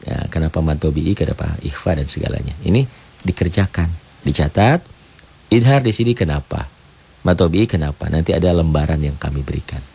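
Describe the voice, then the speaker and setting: Deep, gravelly male radio teacher. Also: darkish tone. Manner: patient, explains step by step, points things out. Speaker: Quran recitation teacher. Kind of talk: radio tajwid lesson. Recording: radio broadcast with faint hiss.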